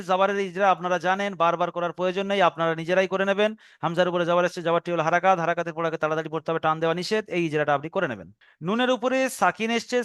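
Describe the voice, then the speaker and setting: A man's voice: sits high, fairly bright tone, clean tone, no echo, studio quality. A male teacher with a Bengali accent explaining Quran reading rules patiently, step by step, in a recorded online lesson. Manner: patient step-by-step explaining, slow drawn-out recitation of example words.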